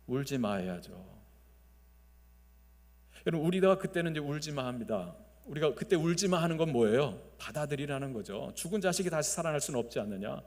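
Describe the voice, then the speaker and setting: A male pastor preaching a Sunday sermon, swinging between loud emphasis and soft, quiet phrases, and leading the congregation to repeat after him. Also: a little high. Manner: leads the congregation in call-and-response. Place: large church sanctuary. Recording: long reverb of a church sanctuary.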